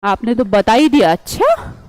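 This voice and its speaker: A high-pitched woman runs an online vocabulary lesson. She coaxes and chats, quizzing her students with memory tricks. The sound is dry and close, with no room around it. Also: measured pace, no echo, poor audio. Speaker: English vocabulary teacher.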